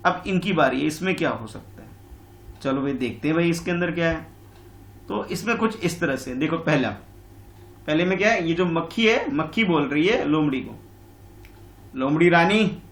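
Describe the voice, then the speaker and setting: Male teacher for a children's lesson: patient, repeats himself, voice a little high, echoey room. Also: a bit bright. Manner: patient and repetitive, calls pupils बेटा. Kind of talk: online class lesson explaining a textbook.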